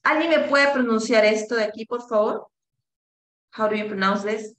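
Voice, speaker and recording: A woman leads a pronunciation lesson, drawing out each vowel so her students can copy it. Her voice is bright and fairly high, and she speaks very slowly. The room around her has a noticeable echo. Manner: slow and deliberate, drawing out each vowel and code-switching to English. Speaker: pronunciation teacher. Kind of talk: classroom lesson, modeling sounds for students to repeat.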